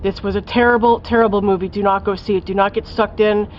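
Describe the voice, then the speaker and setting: A woman's voice: mid-range voice, fairly even intonation, fast talker, lo-fi sound, slight background noise. A woman giving a casual spoken film review, blunt and profane, ranting with lots of fillers. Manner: blunt, profane, scathing rant with many fillers.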